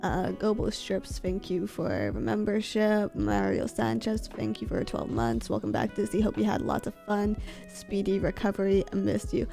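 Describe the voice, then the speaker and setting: A sick woman streamer talks softly into a close desk mic, her husky, congested voice mellow and medium-pitched with a sing-song lilt at a moderate pace. She chats casually and reads donations in a quiet, worn-down way. Faint music runs beneath her.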